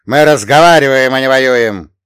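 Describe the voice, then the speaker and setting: A man's voice: medium pitch, animated, unhurried, dry recording, studio quality, lightly acted. A man doing a cool, theatrical young mob boss. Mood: shouting. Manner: languid drawl that flares into barking.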